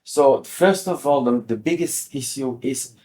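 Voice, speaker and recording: Warm and mid-range, the voice belongs to a Belgian man in his sixties who runs a company and is being interviewed. He explains at a measured pace, repeating words often.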